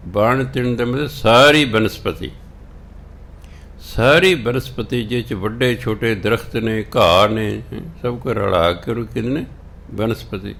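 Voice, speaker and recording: A man explaining scripture in a slow sermon, repeating and explaining each word patiently. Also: lowish voice, fairly bright tone. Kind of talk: slow devotional scripture exposition.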